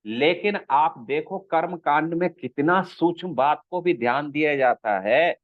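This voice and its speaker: A male spiritual teacher giving a slow scriptural discourse, explaining step by step, checking with his listeners and intoning verses. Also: fairly high pitch, dry recording. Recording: dry, tinny phone-like sound.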